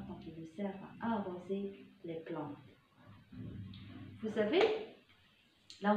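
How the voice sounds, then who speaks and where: A kindergarten teacher, a woman, leading a vocabulary lesson, slowly saying single words again and again for the children to repeat. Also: medium pitch, a little hiss or hum. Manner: slow, drawn-out repetition of single words for children to echo. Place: school classroom. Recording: echoey classroom, slightly dull sound.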